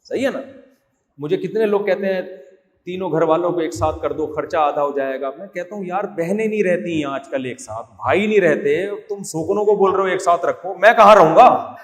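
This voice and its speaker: A man giving a Friday sermon in a humorous, scolding way, acting out bits of dialogue. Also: high-pitched. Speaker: preacher. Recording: echoey hall.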